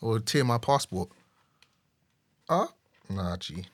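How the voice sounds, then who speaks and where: A man's voice: fairly low pitch, big pitch swings, slow, dry recording. A young man with a London accent chatting casually and giving opinions in a slangy roadman way. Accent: London, urban slang.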